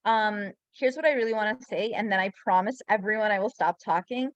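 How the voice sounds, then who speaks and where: A woman's voice: mid-range voice, fairly quick, no echo, muffled recording. A woman hosts a webinar over a video call, talking in a gushing, emotional way. Her voice sits mid-range and sounds dry, with no room around it. She chats casually rather than reading. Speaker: webinar host.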